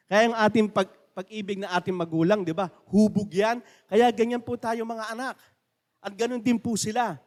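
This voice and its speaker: High-voiced preaching pastor in a reverberant hall. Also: male voice. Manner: conversational preaching, asks the congregation questions. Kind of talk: sermon. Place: church sanctuary.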